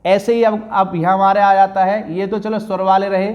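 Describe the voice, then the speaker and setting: A man's voice: high voice, level tone, moderate pace, dull audio. A male teacher explaining grammar to pupils in a classroom lesson, drawing out words and repeating the answers.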